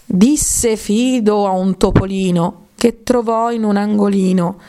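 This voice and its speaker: A woman narrating a storybook in a steady, expressive reading voice. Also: medium pitch, takes it slowly.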